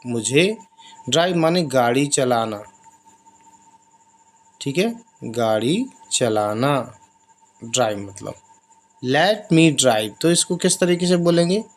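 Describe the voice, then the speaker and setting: A man teaching basic English in Hindi, explaining each example and repeating the phrases slowly. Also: mid-range voice, expressive. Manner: slow, drawn-out repetition of example phrases.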